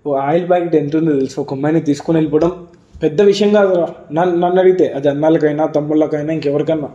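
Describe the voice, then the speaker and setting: A man's voice: fairly high pitch, very fast, mellow, a little hiss or hum. A young man interviewing a guest, coaxing him to open up and giving advice to his viewers. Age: young adult. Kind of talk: street interview. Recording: roomy, dull lo-fi sound.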